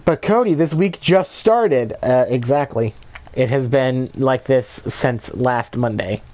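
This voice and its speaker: A man's voice: mid-range voice, takes it slowly, darkish tone. A man ranting in an exasperated way about his bad day while chatting on a gaming stream. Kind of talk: casual chat while playing.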